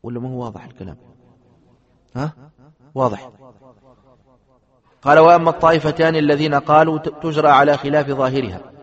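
A man's voice: fairly high pitch, brisk, pauses often, lo-fi sound. A man, a sheikh, teaching a classroom lesson on Islamic creed. He reads a passage aloud, explains it, and keeps asking his students rhetorical questions. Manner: asks the students rhetorical questions and checks they understand.

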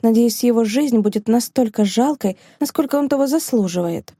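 A woman reading an audiobook, voicing a fiery, indignant young woman who speaks in bitter, sharp outbursts. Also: fairly high pitch, animated, normal speed, breathy edge, dry recording, studio quality.

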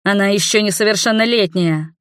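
Woman doing a calm, gentle man. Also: medium pitch, smooth, dry recording, clean studio sound, natural voice. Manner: calm, soft and slow.

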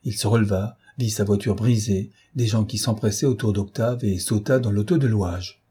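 A man narrating a novel as an audiobook in a measured, dramatic way. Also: fairly low pitch, dark tone, husky. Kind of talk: novel reading.

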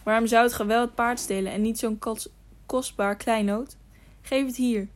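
A woman's voice: fairly high pitch, fairly even intonation, moderate pace, natural voice. A woman reading the lines of a stern, commanding grey knight, questioning sharply and harshly.

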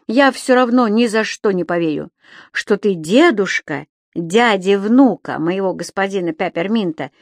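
A woman voicing a cheeky, indignant little male magic creature who shouts and teases in a high, squeaky voice. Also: expressive, measured pace, dry recording, studio quality. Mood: indignant shouting. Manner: shouting, squeaky, singsong teasing.

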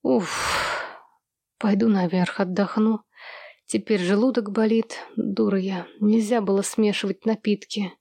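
A woman's voice: medium pitch, fairly even intonation, measured pace, creaky, darkish tone, no echo, clean studio sound. A woman voicing an ailing, irritable pregnant woman who groans and shrieks her demands. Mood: complaining.

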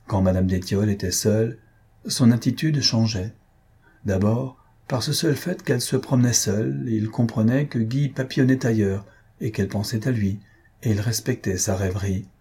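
A man reading a classic novel aloud in a measured, even narration. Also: fairly low pitch, slightly rough. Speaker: audiobook reader.

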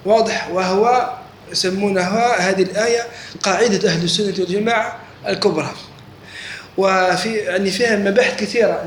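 Here a man teaches religion in a classroom, his high-pitched voice carrying a fairly bright tone. He often pauses to ask if students are following along, and the recording has echo and faint noise.

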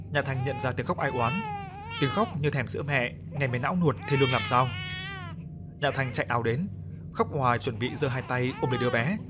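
A man narrating a horror story in a measured, dramatic reading. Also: medium pitch, background noise.

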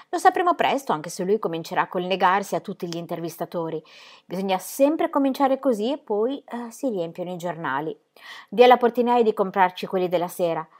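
A woman reading aloud and voicing a proud, sharp-tongued older grandmother who scolds with emphasis. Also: mid-range voice, natural voice.

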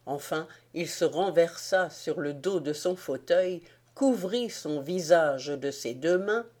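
Woman, audiobook narrator, slow and measured, lowish voice. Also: a little mellow. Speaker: audiobook reader. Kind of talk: scripted narration.

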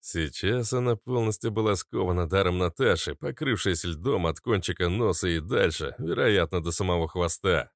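A man narrating a fantasy audiobook in an even, measured reading. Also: deep voice, gravelly, dry recording, studio quality. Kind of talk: scripted narration.

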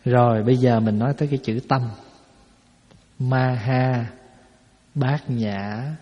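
Here the monk takes it slowly, his mid-range voice holding a steady tone as he gives a folksy dharma talk to a hall and explains with rhetorical questions. The audio is echoey and dull, clearly lo-fi.

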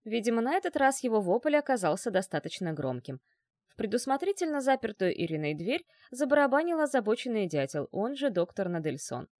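A woman narrating an audiobook in an expressive reading. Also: on the high side, a little fast, dry recording, clean studio sound. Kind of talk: scripted narration.

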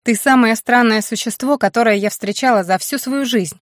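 A woman plays a blunt, exasperated younger sister, her voice on the high side and close to how she'd sound day to day. She talks at a normal speed in a studio-quality recording with no room sound.

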